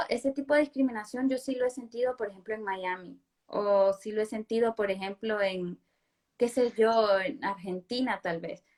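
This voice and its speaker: A woman from Honduras in her thirties, a guest in a conversational interview, who talks emphatically and repeats words for stress. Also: mid-range voice.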